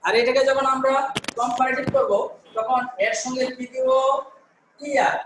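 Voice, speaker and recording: A man's voice: very high-pitched, flat delivery, moderate pace, echoey room, noisy background. A male teacher from Bangladesh giving an online class, explaining step by step, answering his own questions and correcting himself with "sorry". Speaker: English teacher.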